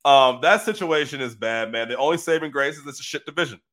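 A man co-hosting a sports podcast, talking in casual, animated, profane banter, often laughing. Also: fairly high pitch, fast talker.

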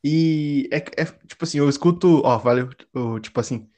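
With a low, warm voice at an ordinary pace, a young woman from Curitiba, Paraná, Brazil, chats casually. Her southern Brazilian Portuguese is slangy and packed with anecdotes.

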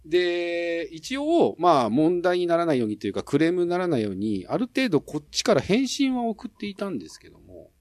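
A man's voice: a little high, wildly swooping pitch, fairly quick, few pauses, darkish tone, no room sound, studio quality. A middle-aged Japanese man hosting a casual radio chat, explaining at length in a rambling way with frequent chuckles. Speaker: radio show host.

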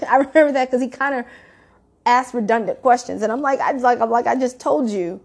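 A woman's voice: a little high, a little fast. A woman telling a story in a casual, rambling way, swearing freely. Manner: profane, rambling, animated storytelling.

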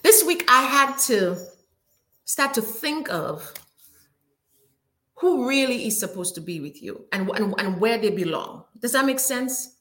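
A woman's voice: on the high side, expressive, unhurried, fairly bright tone. A woman hosting a faith-based talk show, preaching to her viewers in a live chat, repeating and restarting her words as she calls out to them.

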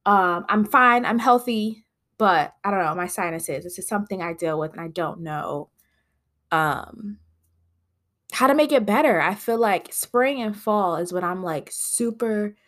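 A woman hosts her own podcast, chatting casually and rambling with frequent fillers. Congested sinuses make her voice nasal. It is medium-pitched, animated, unhurried and a bit bright.

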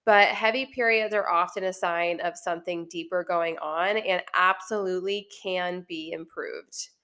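A woman who is a naturopathic doctor hosts a health podcast, explaining things in a friendly, casual way. She's recovering from an illness, so her voice sounds slightly congested. Her pitch is fairly low and her tone steady and fairly bright, at a normal speed.

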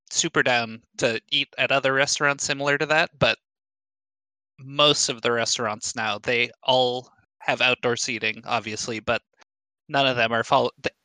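A man's voice: medium pitch, pushed and bright, no room sound, poor audio. A young man co-hosting a casual podcast chat about games, rambling with frequent restarts. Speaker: podcast co-host.

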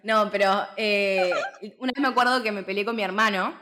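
A woman in her twenties with a Rioplatense Spanish accent co-hosts a film podcast, swapping stories in casual, slangy chat. Her mid-range voice moves fairly quickly, she laughs as she narrates with animation, and there's slight background noise.

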